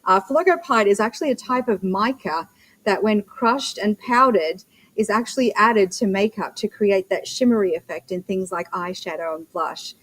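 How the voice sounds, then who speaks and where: A woman's voice: mid-range voice, moderate pace, fairly bright tone, rough recording. A woman working as a live auctioneer, chanting bid numbers and prompts between short descriptions of the lots.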